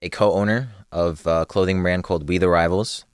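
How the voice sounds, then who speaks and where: A young man with a very deep, low voice talks as a podcast guest. He is relaxed and slangy and laughs easily. The sound is dry and close to the mic. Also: normal speed, clean tone, no room sound. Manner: laid-back, laughs often, street slang. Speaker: podcast guest, clothing brand co-owner. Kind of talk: casual podcast chat.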